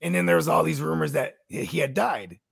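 A man in his thirties with a gravelly, husky voice, rambling through stories in casual chat as a co-host, full of "you know what I mean.". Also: medium pitch, sing-song, brisk, dry recording, studio quality. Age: 30s. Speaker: podcast co-host.

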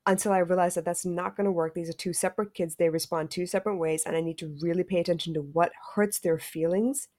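Middle-aged woman guest, candid storyteller, lowish voice, dry close sound. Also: steady tone, fast talker, hardly any pauses, darkish tone, no room sound. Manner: frank and reflective, occasional cursing. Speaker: podcast guest, stepmother. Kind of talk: candid storytelling about parenting.

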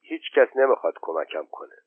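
A man's voice: medium pitch, very animated, breathy edge, dry recording. A man voicing a tired male village musician at a wedding, speaking his lines plainly and a little raised. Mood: weary. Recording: dry tinny phone-like audio.

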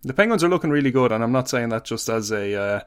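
Irish male podcast host, mid-pitch, dry close mic, talks with fillers and restarts. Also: lively intonation, fast, smooth, no room sound. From Ireland. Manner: hesitant, many ums and restarts. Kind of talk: casual chat and stats rundown.

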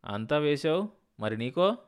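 A man's voice: fairly high pitch, big pitch swings, measured pace. A man voicing a bitter, ruined middle-aged landowner who talks curtly and mockingly to his wife. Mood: sulky. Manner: curt and mocking.

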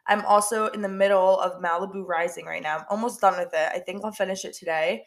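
A woman's voice: mid-range voice, fairly even intonation, fast talker. A young woman hosting a casual solo podcast, talking in a chatty way full of "like" and repeated words, her voice stuffy and nasal from allergies. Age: young adult. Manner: chatty, filler-heavy with lots of "like" and repeats. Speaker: podcast host.

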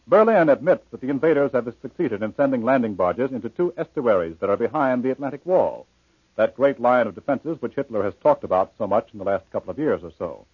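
An American newsman delivers a measured 1940s radio report. His medium-pitched voice is rough-edged and husky, heard through a narrow, tinny old broadcast. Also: lively intonation, no room sound. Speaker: radio news editor reading a report.

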